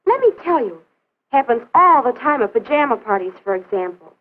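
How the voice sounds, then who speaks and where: Phone-like vintage soundtrack, high-voiced teenage girl, animated intonation, skeptical, emphatic, 1950s educational-film acting. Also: fairly quick. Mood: skeptical, earnest. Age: teens or young adult.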